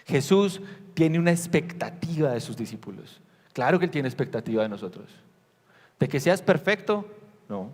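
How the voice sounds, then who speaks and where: Animated pastor preaching in a reverberant hall. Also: male voice, a little high, normal speed. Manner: animated storytelling, acting out the disciples' lines; asks the congregation questions. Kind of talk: sermon.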